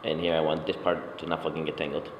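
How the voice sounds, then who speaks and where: A young man, a circus performer, talking casually in an interview, relaxed and swearing offhandedly. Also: extremely low pitch, fast, dull audio. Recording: echoey hall, background noise.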